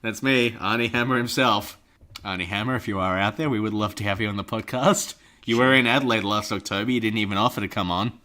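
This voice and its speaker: Man, podcast co-host, bright voice, dry deadpan humor. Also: on the low side, quick pace. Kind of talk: casual chat.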